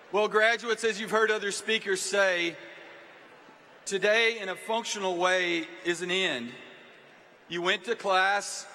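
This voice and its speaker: Man, university leader, rousing commencement address; high, very bright voice with long hall reverb. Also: a little hiss or hum. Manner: rousing, addresses the crowd directly with calls to stand and cheer. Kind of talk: commencement speech to a large audience. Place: large packed venue.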